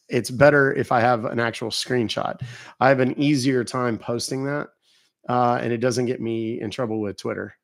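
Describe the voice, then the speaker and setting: A man hosting a scam-baiting livestream, chatting casually, thanking viewers and rambling through asides. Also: medium pitch.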